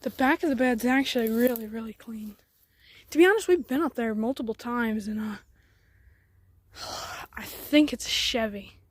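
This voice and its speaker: A woman's voice: on the high side, normal speed, no echo. A woman hosting a casual walkaround vlog outdoors in the woods. She rambles in a chatty way and sometimes drops to near-whispers. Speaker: garage channel host. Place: outdoors in woods by an old truck.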